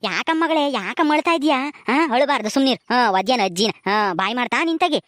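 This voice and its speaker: A woman's voice: high-pitched, lively intonation, fast talker, a bit bright, no room sound, studio quality. A woman playing a caring young village daughter-in-law. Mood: soothing. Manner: coaxing, caring, inviting. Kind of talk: village family drama acting.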